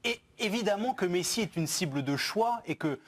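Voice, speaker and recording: A man's voice: high-pitched, animated, moderate pace. A man, a football pundit in a TV studio debate, arguing his view assertively.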